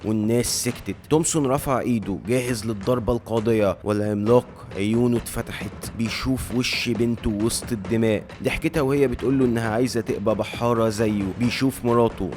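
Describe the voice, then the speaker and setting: A man's voice: fairly low pitch, background noise. A man with an Egyptian accent narrating a comic story in a dramatic, emotive way. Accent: Egyptian Arabic.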